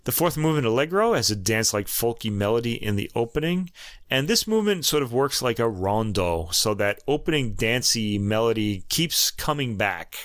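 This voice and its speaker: A man's voice: mid-range voice, sing-song, normal speed, fairly bright tone, no echo, studio quality. A man with a New York accent talking through a string quartet movement by movement, in a conversational way with frequent fillers and restarts. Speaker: music review podcast host. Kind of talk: casual music commentary.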